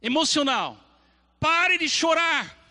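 A man's voice: extremely high pitch, very animated, slow, pushed and bright, long reverb tail, pitched above the performer's own voice, full character voice. A man voicing God as a stern, commanding male figure who calls down from heaven.

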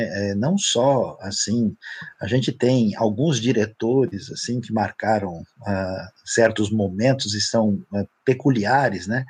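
A man's voice: on the low side, a little mellow, slightly rough, dry recording. A man with a Brazilian Portuguese accent, a pastor on a discussion panel, explaining ideas in a thoughtful, lecturing way and often tagging phrases with "né".

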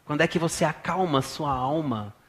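A pastor in his thirties from Brazil preaching a sermon in a church, swinging from hushed talk to loud bursts. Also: fairly high pitch, lively intonation, brisk.

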